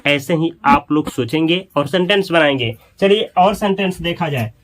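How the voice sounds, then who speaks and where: Guy teaching english, somewhat high voice, says each example slow and twice, asks you questions. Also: a bit bright. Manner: repeats example sentences slowly for drilling; explains patiently and asks questions to the learner. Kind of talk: spoken English lesson.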